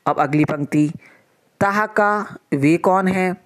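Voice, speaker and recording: A woman teacher explains a lesson to children at an unhurried pace. She repeats each line patiently, and her voice stays steady and plain. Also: fairly low pitch.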